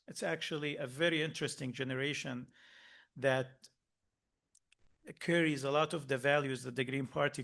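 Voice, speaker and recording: A man's voice: mid-range voice, vocal fry, a bit bright. Earnest man speaking from Lebanon, many hesitations. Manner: frequent fillers and restarts, earnest. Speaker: workshop speaker. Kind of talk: hesitant spontaneous talk.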